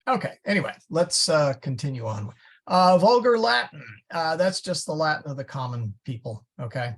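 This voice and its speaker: Gravelly, husky man teaching a class. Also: fairly high pitch, big pitch swings, moderate pace. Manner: casual, self-correcting, chatty explanations. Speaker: Latin teacher. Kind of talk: classroom lecture. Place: church classroom.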